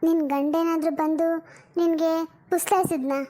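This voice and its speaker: A woman's voice: extremely high pitch, steady tone, moderate pace, dark tone. A woman voicing a worried elder sister who works as a poor housemaid and lectures her younger sister with proverbs. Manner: lectures and scolds, uses proverbs.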